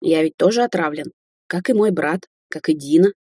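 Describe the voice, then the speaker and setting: A woman's voice: low-pitched, normal speed, breathy edge, no echo, studio quality. Woman reading a nervous young man. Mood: glum. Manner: anxious, flattering. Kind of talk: audiobook character reading.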